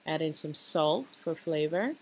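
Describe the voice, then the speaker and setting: A woman's voice: low voice, expressive, a little slow, a little hiss or hum. A woman hosting a cooking channel, talking through a recipe step by step and often checking in with "okay?". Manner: instructive, repeats tips with a checking "okay?". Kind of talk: cooking tutorial voice-over.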